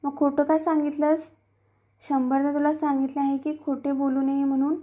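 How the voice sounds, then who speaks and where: Strict village father, commanding and loud, as a woman reader puts him on, high flat voice. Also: normal speed, close to an everyday voice. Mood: angry. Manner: raised, commanding. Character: angry then gentle village father.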